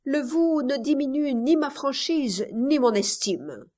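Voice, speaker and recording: A woman's voice: sits high, lively intonation, slow pace, a little mellow, pitched above the performer's own voice. A woman voicing a cold, vain young man from a village who speaks curtly and impatiently in a storybook reading. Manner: curt, impatient delivery.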